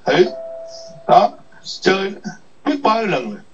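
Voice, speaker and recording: A man's voice: high-pitched, very animated, a little slow, soft background music. A man ranting in an online chat room, scolding and cursing with repeated taunting questions. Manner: foul-mouthed, scolding, repetitive taunts. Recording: distant muffled lo-fi mic.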